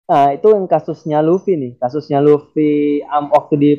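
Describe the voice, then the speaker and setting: A young man co-hosts a casual podcast, working through a theory step by step with lots of fillers and restarts. His voice is fairly high and fairly even in intonation, at a normal speed. The audio is dull, lo-fi podcast quality.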